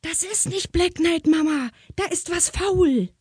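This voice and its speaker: A woman putting on a high eager teenage girl. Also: lively intonation, moderate pace, bright, forceful tone, dry recording, clean studio sound, full character voice. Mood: hushed urgent. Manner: eager, urgent. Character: excited teenage girl, horse-mad daughter.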